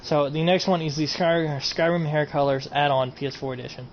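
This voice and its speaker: A man streams a casual game mod showcase, speaking briskly in a slightly high, steady voice while he rambles, repeats himself and trails off. Faint noise runs through the dull lo-fi home recording.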